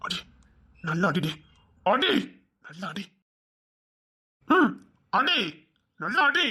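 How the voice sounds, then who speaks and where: A woman plays a villager who speaks with stern, insistent fondness in a rural dialect drama. Her voice is very husky and breathy and sits at a middle pitch for a woman. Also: big pitch swings, very slow, sharp tone, heavily acted. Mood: urging.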